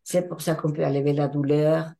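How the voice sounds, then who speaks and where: A woman's voice: deep voice, fairly even intonation, fairly quick, creaky, dark tone. An older woman from Mexico with a Mexican Spanish accent, speaking French as a second language and answering interview questions as a hypnotherapist. She talks thoughtfully and searches for her words. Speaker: hypnotherapist and trainer.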